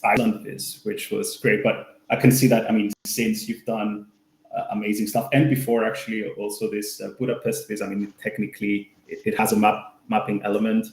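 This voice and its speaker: A man's voice: on the low side, little pitch movement, a little fast, echoey room, poor audio. A man hosting an online user group meetup, talking casually with many fillers and restarts. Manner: friendly, full of fillers and restarts.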